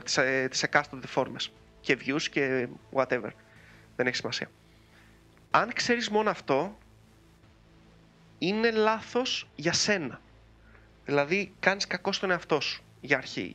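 Male podcast host, higher-pitched, bright and forceful tone, chatty and animated, faint music underneath. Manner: chatty and animated, with frequent fillers. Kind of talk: casual chat.

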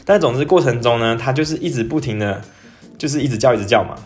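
A young man, telling a personal story in a casual, animated podcast monologue and dropping English phrases into his talk. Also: fast, soft background music. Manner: animated, jumps up in pitch when excited, mixes in English phrases. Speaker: podcast host.

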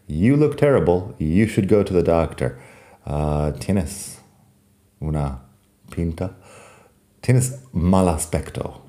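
Guy teaching english grammar, deep mellow voice, slow and patient, repeats examples, lots of little pauses. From United States. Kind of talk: bilingual language lesson.

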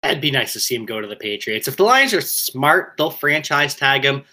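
A man co-hosting a fantasy football show, running through player news with quick, upbeat asides. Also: lively intonation, sharp tone. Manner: upbeat, quick asides, jumps up in pitch on names. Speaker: fantasy football podcast co-host. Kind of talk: casual sports news rundown.

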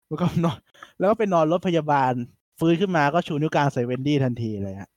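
Male podcast host, slightly high voice, animated and filler-heavy, dry close sound. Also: fast talker, no room sound. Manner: chatty, animated retelling with many fillers. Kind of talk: casual podcast chat.

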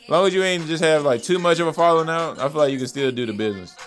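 A man's voice: fairly high pitch, racing. Man, casual co-host, profane joking banter, music playing faintly underneath. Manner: loose, profane, laughing banter. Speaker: co-host reacting to music videos. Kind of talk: casual chat.

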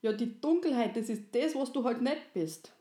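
A woman's voice: on the high side, normal speed, mellow, pitched above the performer's own voice, natural voice. A woman voicing a kindly, wise creator woman, soothing and folksy. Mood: gentle. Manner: soothing, folksy, fond of dialect fillers. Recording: roomy echo.

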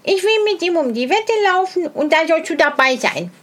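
Woman doing a high, bright, crafty storybook hedgehog, cocky and bossy. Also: animated. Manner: bright, brisk and self-assured. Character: crafty stubborn male hedgehog, sly and cocky.

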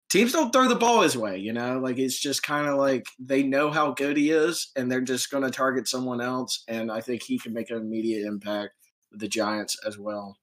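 A man's voice: medium pitch, fairly bright tone. A man co-hosting a casual sports talk show, talking loosely with many fillers and restarts. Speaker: podcast co-host.

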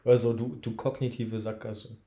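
A young man co-hosting a podcast in casual chat, joking and slangy, with hesitant pauses. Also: mid-range voice, flat delivery, warm tone. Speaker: podcast co-host. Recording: echoey room.

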